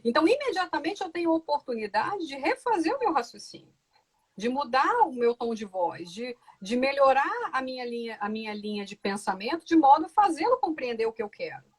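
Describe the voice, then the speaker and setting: A woman who is a law professor and lawyer, answering interview questions in a measured, reflective way and often ending phrases with "né?". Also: sits high, sing-song.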